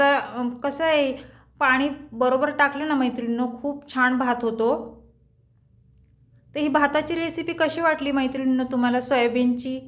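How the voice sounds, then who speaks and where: A woman hosting a cooking channel, chatting with viewers as friends while she cooks. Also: high voice. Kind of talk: home cooking demonstration.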